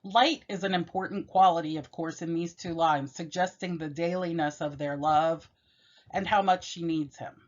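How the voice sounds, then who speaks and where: Woman teaching a poem, calm explaining voice, kinda low, muffled lo-fi recording. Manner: measured, explanatory, with occasional self-corrections. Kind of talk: poetry lesson with a read-aloud poem. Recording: dull, lo-fi.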